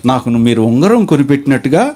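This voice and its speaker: A man quoting a hopeful wife in a sermon anecdote, in a lower, coaxing voice. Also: big pitch swings, brisk, mellow. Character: eager hopeful wife telling dreams.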